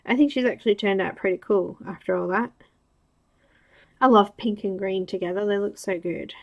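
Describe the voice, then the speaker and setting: Coloring on a livestream, an Australian woman talks in a relaxed way, pausing as she thinks aloud. Her nasal voice is medium-pitched with fairly even intonation, and the sound is lo-fi.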